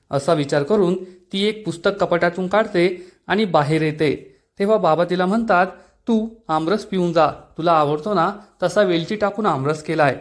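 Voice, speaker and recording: High-voiced man narrating an episode recap. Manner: retells every character's lines in one steady narrating voice. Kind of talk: scripted voice-over recap.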